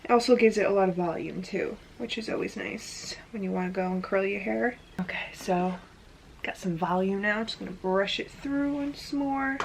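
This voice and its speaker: Chatty woman with a mid-pitched voice. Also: moderate pace, vocal fry, slight background noise. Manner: chatty, with frequent "like" fillers. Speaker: hair tutorial vlogger. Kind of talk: casual step-by-step demonstration. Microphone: camera in front of her.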